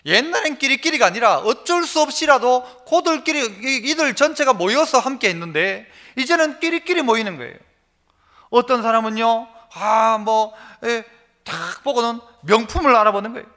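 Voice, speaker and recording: A man's voice: extremely high pitch, expressive, normal speed, pushed and bright. A male pastor preaching a sermon at a church service, emphatic, having the congregation repeat phrases and telling homely stories to make his point. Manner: storytelling with homely examples.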